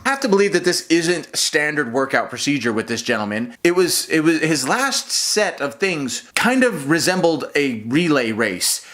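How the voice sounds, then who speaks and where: A man telling a comedic personal story to camera, animated, stumbling and restarting as he acts things out. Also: fairly high pitch, moderate pace, hardly any pauses. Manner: animated, acts out other people's voices, frequent restarts. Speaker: storyteller, channel host. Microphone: camera-mounted shotgun mic.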